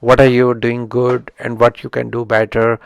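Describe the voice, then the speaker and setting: In a studio-quality, dry recording, a middle-aged Indian man reviews a book for his channel in a completely flat, creaky, clean medium-pitched voice. English is his second language, spoken with an Indian accent, and his unscripted delivery stalls with frequent restarts and self-corrections.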